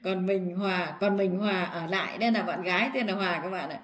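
A woman's voice: lowish voice, brisk. A woman, reading her old poems aloud in a casual vlog and often breaking into laughter. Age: 60s. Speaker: vlogger.

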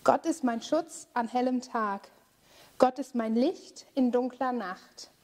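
A woman leading a children's church service, reading a story slowly, clearly and expressively. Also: fairly high pitch, a little mellow.

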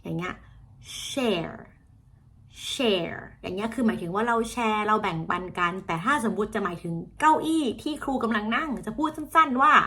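A woman's voice: mid-range voice, pushed and bright. A woman English teacher giving a casual pronunciation lesson, chatting and repeating example words to demonstrate sounds. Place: indoors, seated on a chair.

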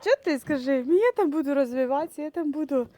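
A woman voicing her cheeky young male puppy, who boasts slowly and cockily to his mom. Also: high-pitched, warm tone, a little hiss or hum, natural voice. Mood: cocky.

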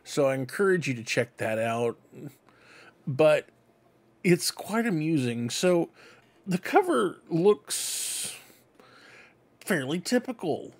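This middle-aged man hosts a fan book club vlog from a cluttered room at home, speaking into a desk microphone close in front of him. His voice is a little high and sing-song, and he talks slowly with long pauses, rambling through casual show-and-tell commentary.

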